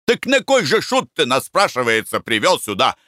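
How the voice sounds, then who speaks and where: A man voicing an irritable, blustering gentleman traveler who shouts and scolds. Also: mid-range voice, wildly swooping pitch, normal speed, no room sound, studio quality, pitched above the performer's own voice. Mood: angry.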